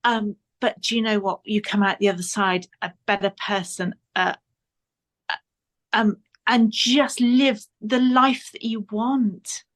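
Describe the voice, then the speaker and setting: A woman's voice: medium pitch, fairly even intonation, a little slow, a bit bright. A woman guest on a podcast interview, giving earnest motivational advice and repeating points for emphasis.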